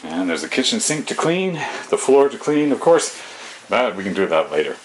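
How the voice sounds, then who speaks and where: A home cooking vlogger rambles absent-mindedly to himself as he cooks and tidies his kitchen. His fairly low voice has a sing-song lilt at normal speed. The recording is rough, with slight background noise.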